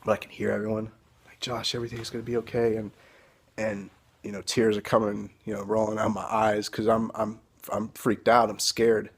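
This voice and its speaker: A young man telling his own story as an earnest, halting and emotional personal testimony, recorded on a phone camera. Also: lowish voice, completely flat delivery, breathy edge.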